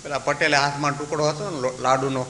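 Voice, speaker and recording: A swami delivers a storytelling sermon, acting out the people in his tale. His voice sits a bit high and rings bright and forceful. It carries through a long-reverb hall with a faint hiss behind it. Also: little pitch movement, fast. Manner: acts out the dialogue of his story, breaks into sung verses. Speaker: swami giving a religious discourse.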